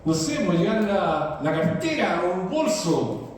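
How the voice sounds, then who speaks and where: A man's voice: sits high, sing-song, a little slow, a little hiss or hum. A man preaching a sermon to a congregation, often asking them to answer back. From Chile. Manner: asks the congregation for responses. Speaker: pastor. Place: large church hall. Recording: echoey church hall from far off.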